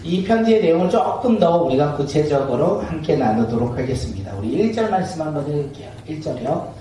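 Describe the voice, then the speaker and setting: A high-voiced man preaching as a pastor, quizzing his congregation and waiting for their replies. He tells homely stories in a lively way, laughing as he goes. He sounds far from the mic in a church hall full of echo. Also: fairly quick, a little hiss or hum. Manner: asks the congregation questions and waits for replies; lively, acts out everyday scenes with laughter. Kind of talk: sermon. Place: church sanctuary. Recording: echoey church hall from a distance.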